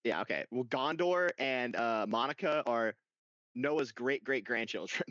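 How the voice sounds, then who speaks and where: A young man in casual podcast chat, telling a game story with excitement and frequent swearing. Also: mid-range voice, a little slow, no echo. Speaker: podcast co-host. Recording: dull lo-fi dry sound.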